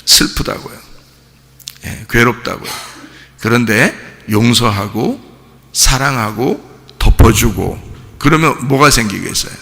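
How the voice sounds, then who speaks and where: A man's voice: medium pitch, expressive, a little slow, gravelly, pauses often, a bit bright, long reverb tail. A male pastor preaching a sermon with emphasis, often putting questions to the congregation.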